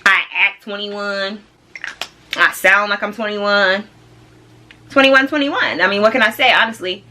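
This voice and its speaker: A young woman of twenty-one chatting excitedly and casually as she does her makeup for a vlog, full of slang. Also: medium pitch, measured pace, a little hiss or hum. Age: young adult. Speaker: beauty vlogger. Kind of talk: casual get-ready-with-me chat. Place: home studio room.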